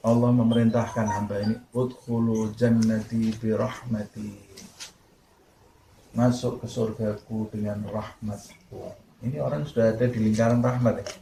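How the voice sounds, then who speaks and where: A man's voice: on the low side, fairly even intonation, a little fast, vocal fry, mellow. A man giving a sermon of Quran commentary, telling a story with Arabic quotes and rhetorical questions. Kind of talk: tafsir sermon. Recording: echoey room with faint background noise.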